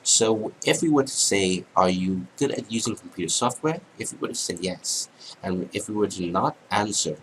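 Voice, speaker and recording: A man with a cold, hoarse and congested, talking through a screen-recorded software tutorial in a casual, halting way with many ums. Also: lowish voice, animated, slight background noise, poor audio. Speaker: tutorial narrator.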